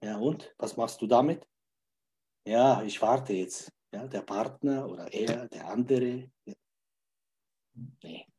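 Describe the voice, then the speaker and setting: A man appears as a guest on a podcast, speaking emphatically, repeating key phrases and checking in with "ja?" again and again. His voice is mid-range and dark in tone, slow, with frequent pauses.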